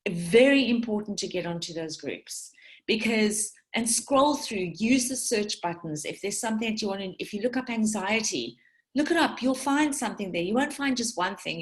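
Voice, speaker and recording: Woman in her forties from South Africa, casual group talk, chatty and rambling, mid-pitched, wanders off on tangents. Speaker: essential oils distributor speaking to her team.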